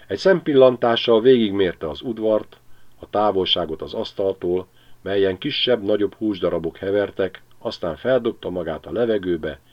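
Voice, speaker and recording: A man narrating an audiobook with expressive storytelling. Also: low-pitched. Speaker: audiobook reader. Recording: slightly dull lo-fi recording.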